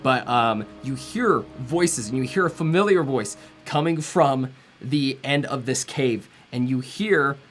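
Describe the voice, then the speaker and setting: A man's voice: mid-range voice, measured pace, faint music behind. A man narrating a tabletop game as game master, rambling with many fillers.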